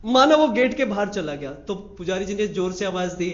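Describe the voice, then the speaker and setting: A man, a monk preacher, giving a devotional sermon with animated storytelling and acted-out quotes. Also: high-pitched, normal speed. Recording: roomy, slightly dull recording.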